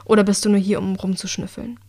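A woman's voice: mid-range voice, flat delivery, fast, a little mellow, natural voice. A woman reading as a wary, suspicious young woman. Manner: blunt, wary questioning. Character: suspicious, defiant young woman medical student.

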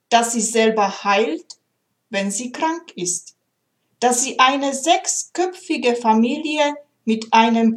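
A woman reading aloud, voicing a patient, loving male God who explains his creation earnestly. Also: a little high.

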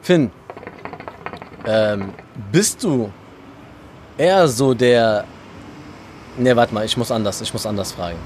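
A young man rambles through a story in casual podcast chat, stacking fillers and acting out what people said. His voice sits at an ordinary middle pitch. Faint traffic noise hums from outside. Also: slow pace, long pauses, darkish tone. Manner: rambling, acts out quoted dialogue, many fillers. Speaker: podcast co-host.

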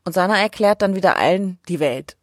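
A woman's voice: lowish voice, fairly quick, dry recording, studio quality. A woman casually recapping the episodes of a series, chatty and colloquial, with wry asides.

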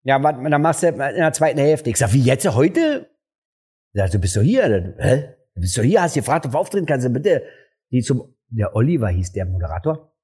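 Husky comedian telling stories. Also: male voice, a little fast. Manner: animated, acts out dialogue with jumps in pitch. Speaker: stand-up comedian. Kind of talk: casual interview storytelling.

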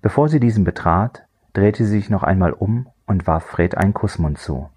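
A man narrating a crime thriller audiobook in a measured, dry storytelling voice. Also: deep voice, animated, a little mellow, husky.

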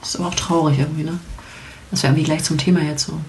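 A woman co-hosting a casual podcast chat, chiming in with quick questions and jokes. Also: deep voice, steady tone, darkish tone, slight background noise. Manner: quick interjections and jokes, signs off the show. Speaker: podcast co-host.

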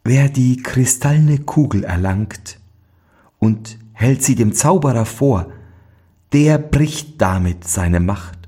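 A man voicing a cursed young princess in a storybook fairy tale, gentle and mournful. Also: medium pitch, lively intonation, slow, breathy edge, pitched above the performer's own voice. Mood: sorrowful. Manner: mournful, pleading.

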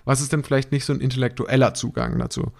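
A man's voice: mid-range voice, little pitch movement, fast talker, gravelly. A man in casual conversation, thoughtful and searching for his words, often breaking into light laughter. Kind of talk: casual chat.

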